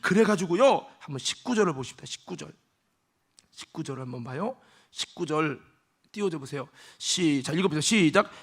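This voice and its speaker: A high-voiced man preaches a Sunday sermon in a church, bringing the scripture alive by acting out each character's lines. He swings between loud calls to the congregation and quiet, close asides. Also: lively intonation, normal speed, breathy edge. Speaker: senior pastor. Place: church sanctuary.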